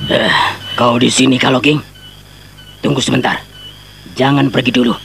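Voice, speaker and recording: Ki Srenggi, a gruff, leering bandit. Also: male voice, medium pitch, flat delivery, moderate pace. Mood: commanding. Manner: gruff, commanding, hushed. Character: sly middle-aged male bandit leader, lecherous, bossy. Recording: loud background noise, radio play.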